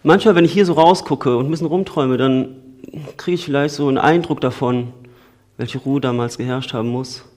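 A man from the Cologne area, giving an informal sermon in a conversational way, moving between lively storytelling and quiet earnestness. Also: medium pitch, a little fast. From Cologne area, Germany. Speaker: preacher.

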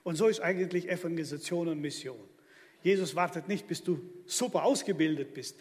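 A man's voice: a little high, fairly quick, darkish tone. A man preaching an emphatic sermon to his congregation in a church hall. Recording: long church hall reverb.

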